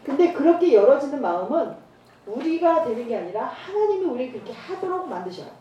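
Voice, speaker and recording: A middle-aged woman evangelist with a high voice talks fast, telling stories at a church training session and acting out the dialogue in lively voices. She sits far from the mic in a roomy church hall, so the recording is muffled, with faint noise and a noisy crowd behind her.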